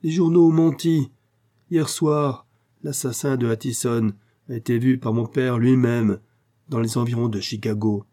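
A man's voice: medium pitch, moderate pace, warm tone, pitched above the performer's own voice, natural voice. A man voicing a proud, spoiled young heiress in an audiobook, speaking in an imperious, scornful way. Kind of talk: audiobook character reading.

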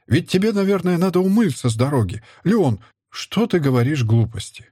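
A man's voice: a little high, big pitch swings, moderate pace, warm tone, breathy edge, no echo, clean studio sound, voice pushed up. A man reading aloud, voicing a fussy, anxious mother in a raised, flustered voice. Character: fussy anxious mother, middle-aged woman.

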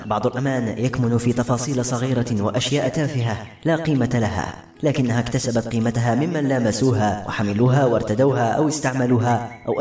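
A man narrating a novel in the first person, in an expressive storytelling manner. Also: mid-range voice. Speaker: audiobook narrator. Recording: echoey room with faint music. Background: faint background music.

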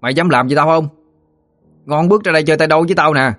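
A man's voice: on the high side, fast talker, fairly bright tone, pitched above the performer's own voice, close to an everyday voice. A man voicing a brash bullying village boy who talks in a swaggering, taunting way. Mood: cocky.

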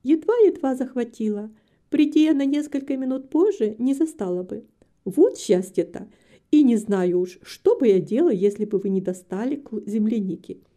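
A woman reads a storybook aloud, voicing a flustered, overworked middle-aged housekeeper who frets, complains and sighs. Her natural voice is a little high, expressive and warm, at a moderate pace.

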